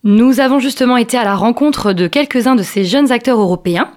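A woman hosting interviews, introducing guests and asking brisk, friendly questions. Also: a little high, a little mellow.

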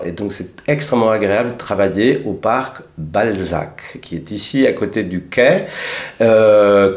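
A theatre director speaking at length in an interview, rambling and hesitant, with many fillers. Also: male voice, fairly low pitch, darkish tone. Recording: echoey room.

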